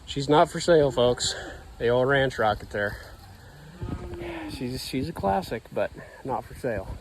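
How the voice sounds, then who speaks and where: A hoarse man, a rancher filming his workday, talking in a laid-back, folksy, plainspoken way outdoors among cattle. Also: mid-range voice, animated, unhurried. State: hoarse from yelling. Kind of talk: casual vlog narration. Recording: outdoor noise with cattle and machinery.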